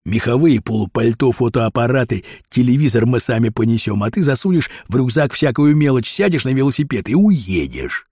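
A man voicing a sly, heavyset male petty crook who talks in a slow, drawn-out, conspiratorial way, with a husky voice. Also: mid-range voice, expressive, a little mellow, no room sound, studio quality.

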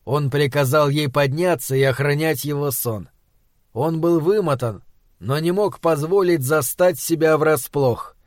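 A man reading a fantasy audiobook in a measured storytelling manner. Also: a little high, dry recording, clean studio sound. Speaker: audiobook narrator. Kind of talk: scripted narration.

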